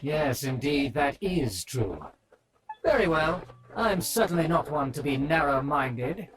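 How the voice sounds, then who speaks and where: A man's voice: a little high, animated, a little slow, soft background music. A man voicing a pompous, haughty aristocrat with formal, archaic speech in a video game. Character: pompous, haughty aristocratic nobleman, easily flattered. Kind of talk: scripted video game character acting.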